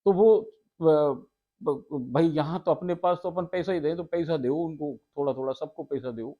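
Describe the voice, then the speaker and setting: Speaking at an ordinary pace, this devotional storyteller has a voice on the high side, captured in narrow, tinny audio. His talk mixes casual, homely asides and frequent laughter with readings from scripture, and he addresses his listeners as "sarkar."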